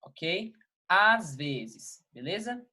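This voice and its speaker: A male English teacher from Brazil works through a recorded lesson. He repeats each key word and keeps checking in with his class. He reads the example sentences slowly before he translates them. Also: sits high, very animated, sharp tone. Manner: patient, repeats key words and checks in with "ok? tá? beleza?".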